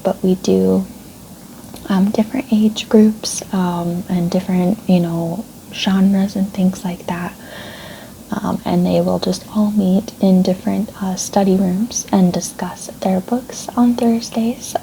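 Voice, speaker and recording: A woman speaking in a soft, breathy near-soft voice in an ASMR role-play as a gentle, polite and reassuring librarian. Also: medium pitch, little pitch movement, measured pace, a little hiss or hum, low-quality recording. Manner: polite, reassuring, gentle customer-service phrasing. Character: gentle, helpful female librarian. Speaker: ASMR creator playing a librarian.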